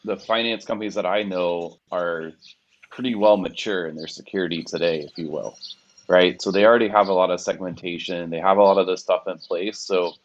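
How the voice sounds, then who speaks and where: Male panelist, very low voice, casual opinion delivery, somewhat dull recording. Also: fairly even intonation, fairly quick. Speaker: podcast panelist.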